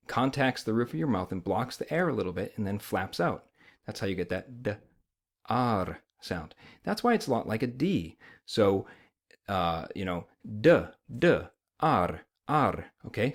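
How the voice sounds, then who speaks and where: Low-voiced American man teaching informally. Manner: conversational, often checking in with "okay". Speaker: language teacher. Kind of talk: informal instructional explanation.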